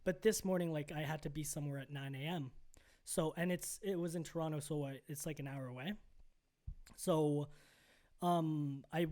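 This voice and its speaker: A young man co-hosting a podcast, telling a story in casual chat, animated and full of "like" and "bro". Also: a little high, normal speed. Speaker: podcast co-host.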